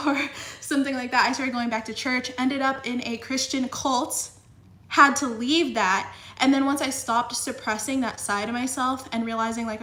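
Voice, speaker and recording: A young woman gives a casual tarot reading, chatting away with plenty of fillers, especially "like" and "you know," and sounding slightly sniffly. Her fairly high voice is bright and forceful, and the recording is reverberant.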